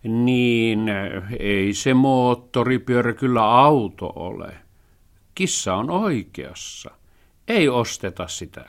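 Man doing a hyped-up dog in a kids' story, higher voice, brrrms around like a motorbike. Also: close to an everyday voice. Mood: eager. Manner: eager, excited, makes engine noises. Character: eager excitable male dog.

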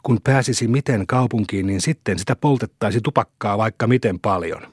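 A man voicing a hot-tempered young village boy who shouts insults. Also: on the low side, slightly rough, no room sound, studio quality. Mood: excited.

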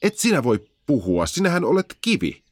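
A man's voice: medium pitch, huge pitch swings, no echo, voice pushed up. A man voicing a young unicorn fawn, sad and lonely, with a plaintive, wondering manner. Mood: anxious, wondering.

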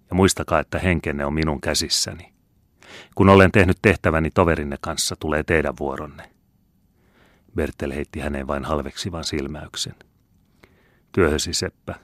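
A man's voice: extremely low pitch, a bit bright, no echo, studio quality. A man reading a classic novel aloud as an audiobook narrator, giving the dialogue varied emphasis. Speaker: audiobook reader.

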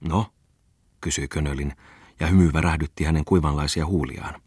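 A man narrating a classic novel as an audiobook in a measured, even way. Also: a bass voice, slightly rough, dry recording, clean studio sound.

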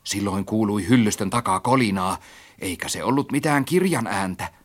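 Man narrating a children's audiobook. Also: lowish voice. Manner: expressive reading, acts out his own quoted lines.

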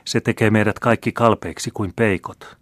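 A man's voice: lowish voice, fairly even intonation, dry recording, voice pushed up, natural voice. A man reading as a teasing French marquise. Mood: playful teasing.

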